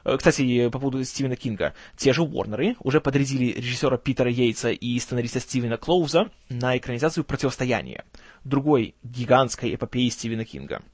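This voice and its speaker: A man hosts a film news show with casual commentary, his strained, tired voice kept low because he can't speak loudly. He's gloomy, wry and sarcastic, stumbles over some words, and still sounds animated and fast, with no echo.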